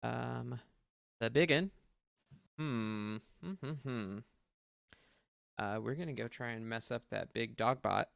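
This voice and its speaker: A man's voice: mid-range voice, takes it slowly, vocal fry, long pauses, a bit bright, no echo. A man running a tabletop game as game master, hesitant and thinking aloud with many fillers.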